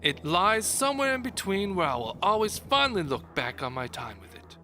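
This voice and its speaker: A man reads a scripted game review with mock grandeur and drama, his high voice very animated, bright and forceful at a normal speed. Music plays behind him throughout.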